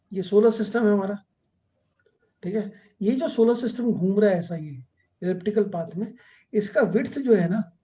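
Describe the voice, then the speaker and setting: Dark-voiced man teaching astrology. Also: high-pitched. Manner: explanatory, mixes Hindi with English terms. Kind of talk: online class lecture.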